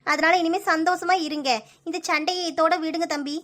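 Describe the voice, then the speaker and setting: A woman's voice: very high-pitched, fairly even intonation, brisk, fairly bright tone. A woman voicing a protective middle-aged mother of the bride in a comic cartoon, with a Kanyakumari Tamil accent and a firm, placating manner.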